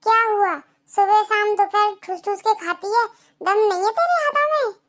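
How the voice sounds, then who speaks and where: A woman's voice: very high-pitched, fairly even intonation, measured pace, pushed and bright, heavily acted. A woman voicing a harsh, bossy old mother-in-law in a cartoon, scolding and contemptuous in her talk. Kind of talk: Hindi cartoon voice acting.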